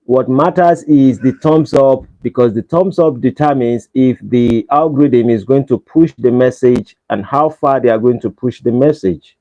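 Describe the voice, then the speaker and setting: A livestream host from Nigeria keeps up a casual chat, urging viewers for likes in his Nigerian accent. Medium in pitch and dark in tone, he talks at a moderate pace with hardly any pauses. The audio is dull and lo-fi.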